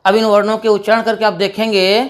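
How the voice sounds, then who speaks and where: A woman teaching a grammar lesson as a voice-over for slides, with a voice of average pitch. She speaks with patience and sounds each letter out on its own. Then she poses a question and answers it herself, the way a teacher does with children. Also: level tone, fairly quick. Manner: patient, demonstrates sounds aloud one by one.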